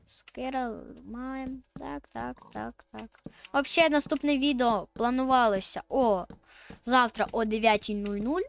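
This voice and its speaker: Girl gaming vlog, slowish chatty talk, kinda high voice. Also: gravelly, fairly bright tone. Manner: chatty, counts aloud while building. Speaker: gaming video host. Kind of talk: casual game commentary.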